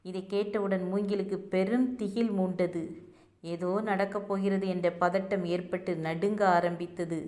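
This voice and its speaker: A woman narrating a devotional parable in an earnest, expressive storytelling manner. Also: mid-range voice, normal speed, reverberant.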